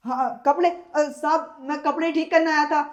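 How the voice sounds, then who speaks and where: A woman's voice: high voice, fairly even intonation, moderate pace, lo-fi sound, lightly acted. A woman as a meek pleading male servant. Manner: meek, stammering pleas. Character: young male house servant, guilty and pleading.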